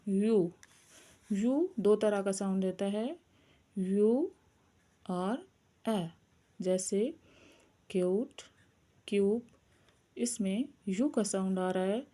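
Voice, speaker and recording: Woman phonics teacher, very slow and deliberate, mellow voice. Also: medium pitch, lively intonation. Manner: slow, careful, sounding out each letter. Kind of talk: phonics lesson.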